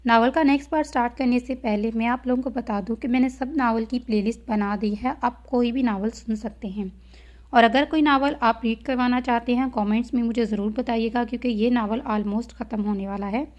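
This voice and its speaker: A woman hosting her channel and reading a romance novel aloud with expressive storytelling. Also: on the high side, brisk. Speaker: novel reader, channel host. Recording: dull lo-fi audio.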